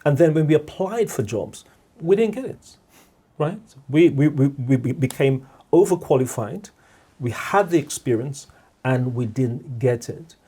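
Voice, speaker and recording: Measured, husky middle-aged man. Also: medium pitch, animated, warm tone. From Guyana. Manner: measured, repeats words, checks in with "all right?". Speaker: podcast guest. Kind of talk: reflective discussion.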